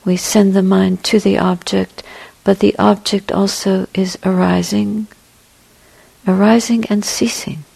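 A woman meditation teacher guides a meditation in a soft, breathy, gentle mid-range voice, unhurried and with long pauses. Her delivery is flat, and the recording quality is low.

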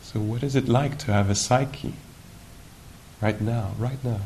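Speaking with fairly even intonation, a man leads a guided meditation at a retreat as its teacher. He muses slowly, poses gentle questions and lets long pauses sit, captured on a noisy live recording with low rumble underneath.

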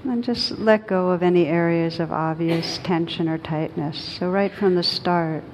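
A woman teaching meditation speaks to a group softly and without rushing, pausing at length between phrases. Her voice is fairly low, with fairly even intonation. The low-quality recording has noticeable background noise and a low rumble.

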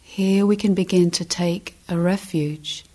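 A female meditation guide with a voice on the low side keeps her intonation fairly even. She delivers instruction gently and deliberately, in brief phrases followed by long pauses.

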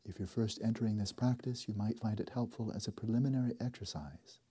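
A man guiding a meditation in a slow, soft, deliberate way, leaving long pauses between phrases. His voice sits somewhat low and is very dark and mellow, with a husky grain to it. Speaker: meditation teacher. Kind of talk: guided meditation.

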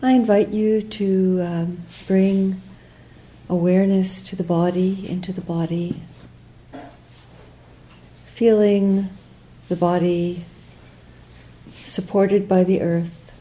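A woman teacher guides a meditation, speaking gently in short, unhurried phrases with long pauses and quiet, trailing endings. Her voice is medium-pitched with little pitch movement, and the audio is poor.

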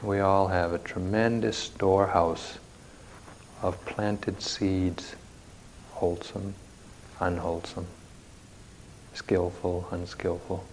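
A man teaching at a retreat leads a guided meditation live, speaking in measured short phrases separated by long pauses. His voice is deep with little pitch movement, and the poor audio carries a slight hiss or hum.

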